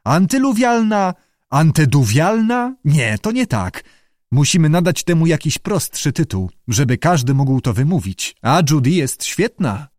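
A man voicing a pompous ship captain who clears his throat and fumbles for words. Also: a little high, very animated, moderate pace, a little mellow, dry recording, clean studio sound.

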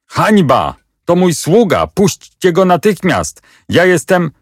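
A man's voice: lowish voice, sing-song, a little slow, gravelly, no echo, studio quality, heavily acted. A man voicing an indignant young king, commanding and outraged. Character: indignant boy king, proud and wrathful.

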